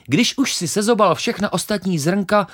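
A reader voicing a small, patient, wise grain of wheat in a children's story, talking calmly and reasoning gently. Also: mid-range voice, pitched above the performer's own voice. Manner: calm, reasoning, gently coaxing.

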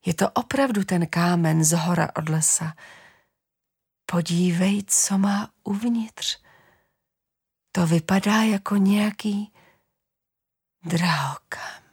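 A woman voicing a kind, poor village father in a storybook, speaking calmly and half in a whisper. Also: lowish voice, long pauses, husky. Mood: hushed. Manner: calm, hushed, half-whispered. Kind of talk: storybook narration.

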